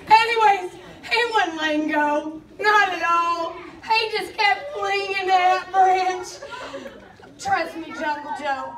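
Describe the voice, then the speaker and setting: A woman puts on an exaggerated, squeaky, very high voice to play a silly explorer sidekick who giggles and munches on bugs and mushrooms in a church skit for kids. She laughs through her telling; it's captured in a large, echoey church hall from a far mic, with a noisy crowd of kids.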